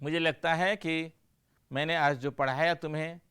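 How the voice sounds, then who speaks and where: A man's voice: on the high side, steady tone, moderate pace, a bit bright, clear, resonant tone. A man teaching a Hindi lesson for a broadcast class, explaining patiently, asking questions and answering them himself.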